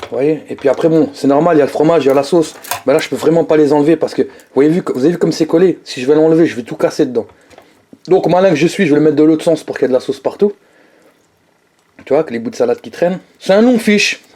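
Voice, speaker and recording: A young man talks straight to his viewers as he reviews fast food. His voice sits a little on the high side, and he keeps it loose and slangy, joking with the camera as he goes. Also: mellow. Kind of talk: casual food review vlog.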